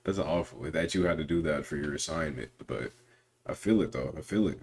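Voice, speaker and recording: A man's voice: very deep voice, a little fast, darkish tone. A man hosting a reaction video, chatting in a laid-back, slangy way with easy asides. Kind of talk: casual reaction commentary.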